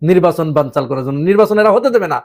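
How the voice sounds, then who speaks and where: A man's voice: on the high side, animated, very fast, a little mellow. A man delivering an emphatic opinion monologue on current events, asking the audience rhetorical questions. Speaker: political commentator.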